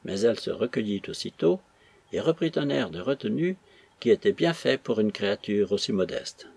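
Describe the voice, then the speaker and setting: A man reading a classic novel aloud in an expressive way. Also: fairly low pitch, normal speed, gravelly, slightly rough, dry recording. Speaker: audiobook narrator. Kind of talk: scripted narration of a classic novel.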